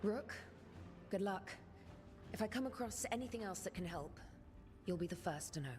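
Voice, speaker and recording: A woman's voice: mid-range voice, expressive, close to an everyday voice. An actress voicing the Inquisitor, a seasoned woman leader who speaks earnestly and falters when moved, in a fantasy game over music. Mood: brisk. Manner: earnest, halting when emotional. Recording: game audio with music underneath.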